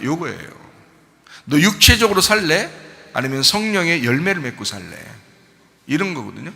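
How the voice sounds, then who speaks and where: Male pastor, sermon, high voice, very animated pitch, quiet teaching rising to shouting, long hall reverb. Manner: building from a low, quiet teaching tone to loud, shouted exhortation.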